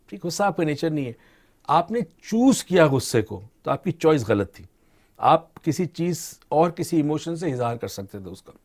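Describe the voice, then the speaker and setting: Calm explaining middle-aged man. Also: fairly high pitch. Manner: calm teaching tone, mixes English terms into Urdu. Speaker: expert guest on motivation and mind training. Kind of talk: explanatory discussion.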